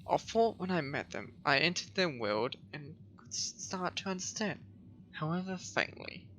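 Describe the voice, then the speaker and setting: A man reading a weary, haunted detective's thoughts aloud in a quiet, brooding tone. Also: a little high, gravelly, slight background noise, heavily acted. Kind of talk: reading game dialogue aloud.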